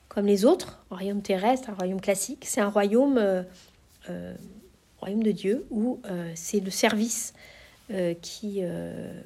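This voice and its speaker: A woman's voice: mid-range voice, breathy edge. A woman teaching a Bible class in an informal, hesitant way, with many fillers and restarts as she explains passages.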